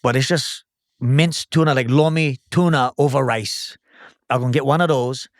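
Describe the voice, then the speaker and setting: A man's voice: medium pitch, normal speed, no room sound, clean studio sound. A man in his forties from Hawaii with a Hawaiian Pidgin-tinged accent, speaking as a guest in a casual podcast conversation in a blunt, emphatic, profane way. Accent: Hawaiian Pidgin-tinged English. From Oahu, Hawaii. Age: 40s. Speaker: guest chef and entrepreneur.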